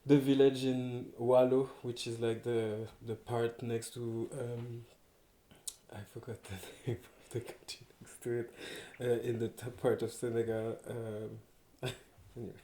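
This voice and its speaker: A young Parisian man with a French accent chats casually as a guest, a textile artist, full of hesitations, restarts and laughter. His voice is medium-pitched and flat, a little slow and dark in tone, with slight background noise. He's recorded indoors in a small, echoey farmhouse room.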